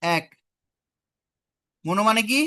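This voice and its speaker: A woman teaching an online phonetics class, asking students questions and repeating vowel sounds slowly to model them. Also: on the low side, expressive, bright, forceful tone.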